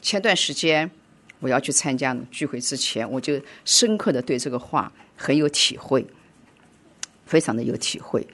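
Husky woman preaching with lively emotion. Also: extremely low pitch, moderate pace. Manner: emotional, swings between loud urging and quiet telling. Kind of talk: sermon with personal testimony.

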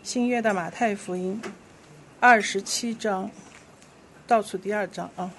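A woman's voice: mid-range voice, a little slow, a little hiss or hum. Woman leading a scripture reading. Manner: steady, clear reading aloud with small slips. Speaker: worship leader.

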